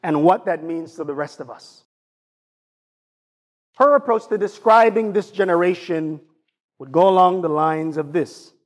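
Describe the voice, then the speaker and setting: A man with a Jamaican accent delivers a sermon as a pastor, in a fairly high voice. He puts rhetorical questions to his congregation and builds his points through a list of ideas. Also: a little slow, pauses often.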